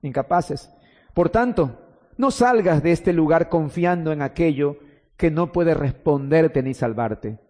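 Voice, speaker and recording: A man with a high, mellow voice preaches a sermon in a hall that rings with long reverb. He swings from loud, urgent exclamations to hushed, slowly stretched words. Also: lively intonation. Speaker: pastor.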